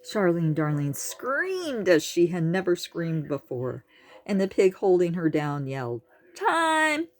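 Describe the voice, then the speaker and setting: A woman reading a children's story at an unhurried pace. Her voice sits low and moves up and down with dramatic expression. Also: sing-song, a little mellow, no echo. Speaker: audiobook reader. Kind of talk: storybook narration.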